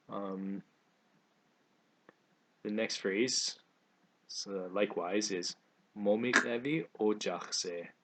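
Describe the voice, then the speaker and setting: A man giving a relaxed video lesson, saying each phrase twice, slowly and clearly. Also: low voice, slight background noise. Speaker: language teacher.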